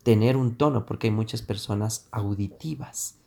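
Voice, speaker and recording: A man teaching a lesson on public speaking, explaining voice exercises deliberately with frequent pauses and fillers. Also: fairly low pitch, gravelly, a little mellow. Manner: slow, deliberate instruction with hesitant fillers; demonstrates vocal exercises with sustained vowels. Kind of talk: voice training lesson.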